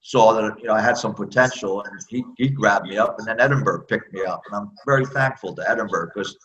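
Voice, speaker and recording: A man's voice: lowish voice, fairly quick, a bit bright, highs cut off. A man in his sixties with an American accent, a former speedway rider telling candid, self-deprecating stories in a casual interview.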